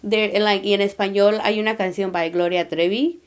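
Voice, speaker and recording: A chatty woman speaks casually as a guest in a relaxed conversation. Her English is loose and slangy, and she keeps dropping Spanish words into it. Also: mid-range voice, fairly quick, clear, resonant tone. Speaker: music maker and DJ guest. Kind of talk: casual chat.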